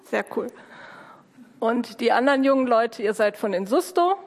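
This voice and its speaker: A woman hosting an event, coaxing and chatting with children in a lively, warm manner. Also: a little high, moderate pace. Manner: warm coaxing, speaks to kids directly. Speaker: host of a school-start service. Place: large hall with a crowd. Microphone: handheld microphone. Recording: long hall reverb, crowd murmur.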